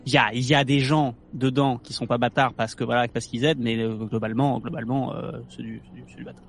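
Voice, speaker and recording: A man's voice: medium pitch, steady tone, quick pace. A man playing a tabletop role-playing game, hesitant and full of fillers, laughing easily. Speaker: player. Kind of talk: casual play chat.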